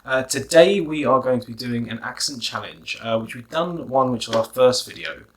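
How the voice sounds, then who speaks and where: A man's voice: mid-range voice, normal speed, slight background noise. A man chatting casually as the host of a video. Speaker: host of a couple's video channel. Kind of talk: casual chat.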